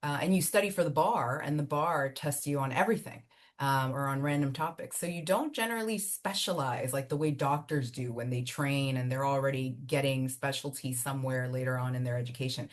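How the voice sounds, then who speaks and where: A woman from Miami whose first language is Spanish, an immigration attorney answering interview questions in a chatty, animated way with fillers and laughs. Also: rumbling low, fairly quick. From Miami, United States. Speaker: immigration attorney and law firm founder.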